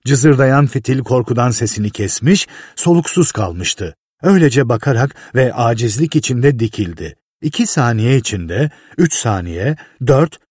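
A man reading a story aloud in a lively way, with a husky voice. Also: medium pitch, dry recording, clean studio sound. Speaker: narrator. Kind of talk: audiobook reading.

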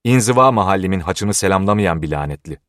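A grave old hermit, as a male narrator plays him, speaking with solemn, stern authority. The voice sits very low and heavy. The sound is close and dry. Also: expressive, fast, a bit bright, no room sound.

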